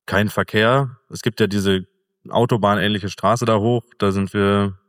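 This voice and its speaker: A middle-aged man as an interview guest, telling a travel story in a relaxed, rambling way with fillers. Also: lowish voice, measured pace, no echo, studio quality, in a large hall. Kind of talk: casual conversational storytelling.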